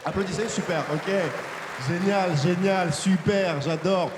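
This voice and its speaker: A young man from France doing a lively stand-up comedy set, acting out characters in a big theater. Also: high-pitched, measured pace, a crowd in the background, background noise. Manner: animated, acts out characters. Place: large theater stage with audience. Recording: live hall reverb.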